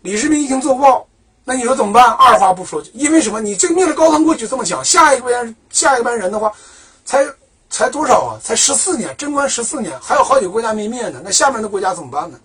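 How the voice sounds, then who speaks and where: A man with a husky, rough-edged voice tells a history tale in a loose, colloquial way. His pitch leaps up and drops low as he keeps asking himself questions and answering them. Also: quick pace. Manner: lively, chatty, asks and answers his own questions. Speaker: storyteller.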